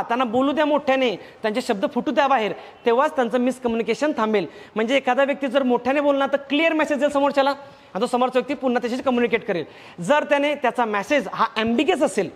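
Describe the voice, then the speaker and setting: Fast-talking man teaching vocabulary. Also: very high-pitched, big-room sound. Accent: Marathi. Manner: repeats words in lists and asks himself questions. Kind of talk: vocabulary lecture.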